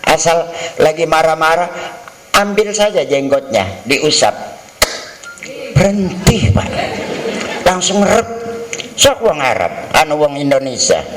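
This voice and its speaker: A man's voice: fairly high pitch, slow pace, long pauses, rough recording. A middle-aged man giving a humorous lecture to pilgrims as a hajj instructor, acting out quarrels and bargaining. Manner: lively, acts out quarrels and bargaining in mock voices.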